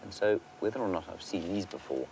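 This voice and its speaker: A man working as a safari guide, giving unscripted live wildlife commentary and answering viewer questions, sometimes hushed toward a near-whisper. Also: deep voice, animated, brisk. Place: outdoors in an open safari vehicle. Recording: outdoor vehicle and bush ambience noise.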